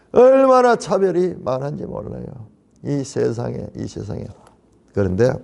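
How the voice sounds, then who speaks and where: Mellow-voiced Korean pastor preaching. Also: male voice, mid-range voice, creaky. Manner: emphatic, repeats key phrases. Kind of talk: Bible study sermon. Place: church.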